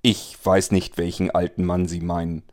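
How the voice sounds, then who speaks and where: Man playing a skeptical middle-aged caretaker, lowish voice, measured, a bit irritated. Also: monotone, a little mellow, lightly acted.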